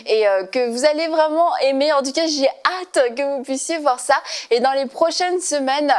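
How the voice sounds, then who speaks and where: A woman's voice: sits high, normal speed. Laughing woman hosting a faith talk show. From born in Korea, raised in France. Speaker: host.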